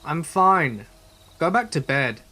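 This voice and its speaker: A man voicing a young male camper who shouts out in the night. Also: on the high side, big pitch swings, takes it slowly, pitched above the performer's own voice, full character voice. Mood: shouting. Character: panicked young man camping, later eerily calm.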